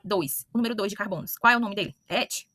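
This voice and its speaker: A woman's voice: mid-range voice, quick pace, bright, forceful tone, no room sound. A woman teaching a chemistry lesson, talking straight to her students, asking "né?" often and correcting herself mid-sentence. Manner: talks to students directly with frequent questioning "né?" and self-corrections. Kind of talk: online lesson explaining to students.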